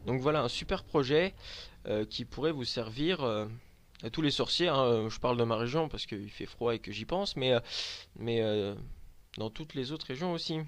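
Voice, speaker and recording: A man's voice: mid-range voice, animated, moderate pace, no echo. A man from Lorraine in France, hesitantly presenting his handmade collection in a casual show-and-tell video, with many filler sounds.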